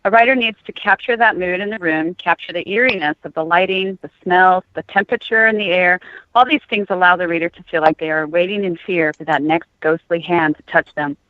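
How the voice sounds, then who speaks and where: A woman's voice: on the low side, a little fast, dry recording. A woman author answering questions as a podcast guest over a narrow, phone-like connection. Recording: tinny narrow phone-like line.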